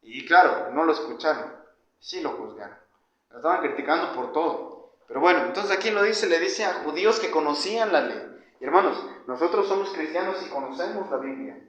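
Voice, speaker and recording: A man delivers a sermon in a plain, conversational way, rising to loud questions and then dropping almost to a murmur. His voice sits a little high for a man. The recording is dull and lo-fi, with the roomy echo of a church hall. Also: lively intonation, a little fast. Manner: conversational preaching, addresses listeners as brothers, swings from loud to soft. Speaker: preacher. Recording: echoey church, dull lo-fi sound.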